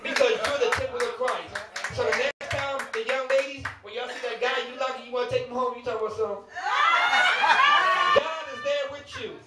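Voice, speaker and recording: A man's voice: very high voice, fairly quick, very noisy. A male preacher delivering an emphatic sermon in a church, asking rhetorical questions with humor and chatty asides to the congregation. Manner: casual conversational asides to the congregation. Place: church sanctuary. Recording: echoey room, mic at a distance.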